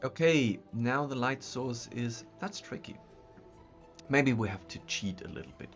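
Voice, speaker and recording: This young Austrian man, a native German speaker with an Austrian accent, chats on a live stream while building a map at a desk in a small room. His mid-range voice is animated and a little slow as he thinks aloud with lots of ums and restarts. The sound is slightly dull, with faint music behind him.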